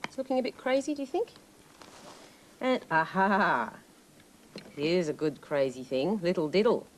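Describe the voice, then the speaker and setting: A woman presenting a children's TV show, talking slowly in a playful sing-song way to young children. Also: fairly low pitch, sing-song, warm tone, slight background noise, low-quality recording. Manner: slow, lilting, playful sing-song delivery.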